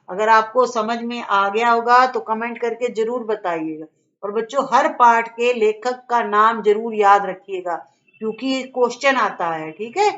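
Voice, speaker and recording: A woman's voice: on the high side, a bit bright. A woman teacher explaining a school lesson to children in a coaxing way, often checking that they follow along. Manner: coaxing, keeps asking "okay?". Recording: dull lo-fi recording.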